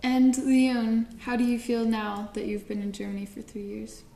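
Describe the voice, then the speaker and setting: A woman presenter introduces the segment and asks interview questions. Her voice is higher than average and mellow. Her tone is clear and prompting. The recording has a noticeable roomy echo. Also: completely flat delivery, normal speed.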